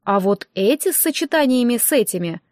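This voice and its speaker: A woman's voice: a little high, expressive, fairly quick, darkish tone, dry recording, clean studio sound, close to an everyday voice. A woman voicing a kindly, puzzled middle-aged male doctor who fumbles through hesitant explanations.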